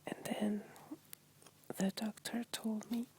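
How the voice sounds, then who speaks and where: A woman with a French accent in whispered ASMR talk, gently explaining things in simple words. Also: mid-range voice, flat delivery, slow, creaky, slight background noise.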